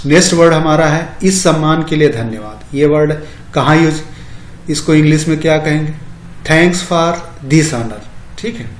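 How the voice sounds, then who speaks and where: A man's voice: on the high side, steady tone, a little fast, reverberant, rough recording. A man teaching spoken English to beginners. He explains each phrase in Hindi, repeats the English version several times, and often says "ठीक है". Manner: frequent "ठीक है" fillers.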